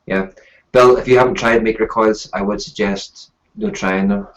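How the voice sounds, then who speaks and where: Man, lowish pitch, live stream host, casual chat, informal product talk. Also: steady tone, moderate pace, lo-fi sound.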